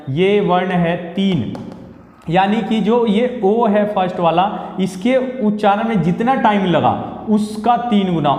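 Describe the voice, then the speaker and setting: A man with a fairly high voice teaches a lesson at an unhurried pace, stretching out sounds as he explains. He repeats key terms for his class. The recording rings with a long, hall-like echo. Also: darkish tone. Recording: echoey room with long reverb.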